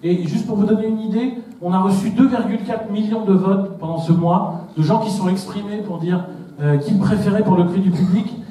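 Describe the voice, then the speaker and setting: A man's voice: sits high, steady tone, a little fast, dark tone. A man giving an organiser's thank-you speech to an audience. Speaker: festival organiser. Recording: very echoey hall, distant mic.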